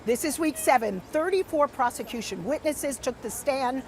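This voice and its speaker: An American woman giving a measured live television news report as a field reporter. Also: sits high, lively intonation, darkish tone.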